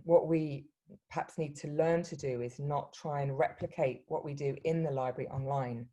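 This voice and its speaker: A woman moderating an online panel session in a relaxed, informal way, with some fillers. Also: low voice. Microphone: video call.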